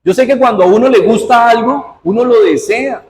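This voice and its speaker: A man's voice: very high voice, moderate pace, a little mellow. A man preaching a sermon, reading scripture aloud and prompting the congregation with questions. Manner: asks the congregation questions as he reads; uses formal usted address. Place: church hall. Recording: hall reverb, faint noise.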